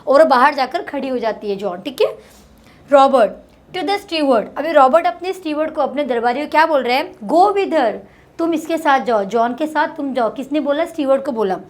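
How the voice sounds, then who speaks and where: Indian accent, female tutor, high voice, slow read-aloud then explanation. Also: expressive. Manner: reads English lines slowly, then explains in Hindi. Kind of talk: explaining a textbook lesson.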